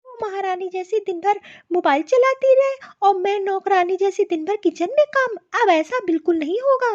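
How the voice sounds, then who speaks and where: A woman's voice: very high voice, lively intonation, normal speed, lo-fi sound. A woman voicing a put-upon elder daughter-in-law who scolds and complains in a cartoon. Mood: aggrieved. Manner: aggrieved, scolding. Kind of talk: cartoon voice acting.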